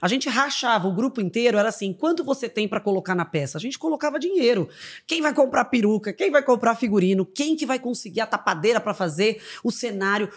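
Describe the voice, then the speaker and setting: A woman's voice: fairly high pitch, fast talker, husky. A woman in her thirties from Brazil, a comedian telling funny stories on a podcast and acting out other people's voices. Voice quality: animated, acts out voices in shrieks. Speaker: guest comedian. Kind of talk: lively podcast storytelling.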